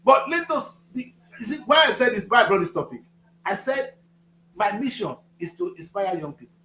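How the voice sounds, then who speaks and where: A Nigerian man in his fifties, appearing as a studio guest, delivers passionate political talk in a high, very animated voice that is bright and forceful, at normal speed. The room echoes. He preaches emphatically, repeating phrases for effect.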